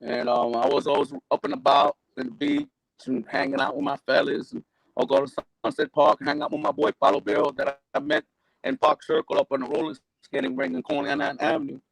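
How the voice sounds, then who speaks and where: Guest: New man, heavy vocal fry, dry close sound, rambling and profane. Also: extremely high pitch, flat delivery, fairly quick, no echo, poor audio. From New York. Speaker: interview guest. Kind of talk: candid life story.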